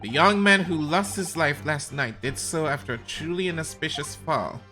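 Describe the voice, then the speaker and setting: A woman's voice: low voice, moderate pace, pushed and bright, soft background music. A woman doing a grandiose male detective. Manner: grandiose, declaiming. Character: pompous theatrical male gentleman detective.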